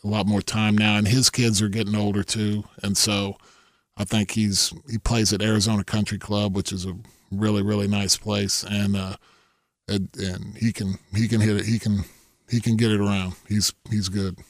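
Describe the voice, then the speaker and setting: A man's voice: lowish voice, level tone, moderate pace, no echo, clean studio sound. A middle-aged man telling golf stories in casual chat, rambling with many restarts, laughing often and acting out what others said.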